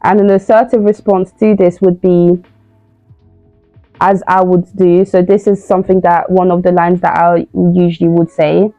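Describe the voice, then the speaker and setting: A woman's voice: on the low side, little pitch movement, normal speed, dark tone, no echo, soft background music. A young woman giving informal advice, casual and repetitive with many fillers. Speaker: youth crime-prevention speaker. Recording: tinny phone-like sound, dry.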